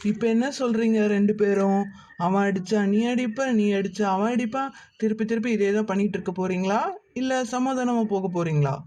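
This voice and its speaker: A woman children's ministry teacher, firm and questioning as she speaks to the kids. Her voice sits at a middle pitch. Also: brisk, dark tone.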